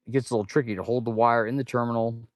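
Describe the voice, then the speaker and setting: A man's voice: medium pitch, flat delivery, very fast, dry recording. A man livestreaming casually as he works as a mechanic, rambling informally, breathing heavily through his mouth with a stuffy nose. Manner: audible heavy mouth breathing; rambling, informal, addresses viewers as "man" and "guys". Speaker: livestream host and auto shop mechanic. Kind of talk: casual livestream chat while working.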